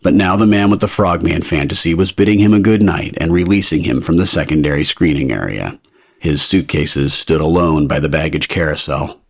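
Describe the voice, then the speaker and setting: A man narrating a story in an even, wry manner on a close mic. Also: extremely low pitch, brisk, gravelly, slightly rough, dry recording. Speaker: audiobook narrator. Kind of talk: scripted narration.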